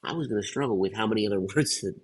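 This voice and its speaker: A man who is under the weather with a cough, husky and congested, haltingly thinking aloud as he hosts a casual word puzzle video. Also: on the low side.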